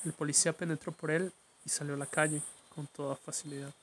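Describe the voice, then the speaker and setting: A man reads a story aloud at a measured, steady pace. His voice sits a little high and stays quite flat in melody. Faint noise runs under the recording. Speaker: narrator. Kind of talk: storybook reading.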